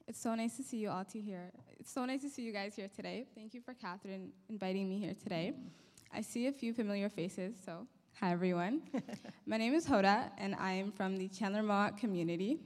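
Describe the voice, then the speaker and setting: A woman's voice: mid-range voice, fairly quick, a little mellow. Earnest young woman speaking in a hall. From Somalia. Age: young adult. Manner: earnest and grateful, reading from notes. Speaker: guest speaker. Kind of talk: prepared speech. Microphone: handheld mic. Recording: long hall reverb.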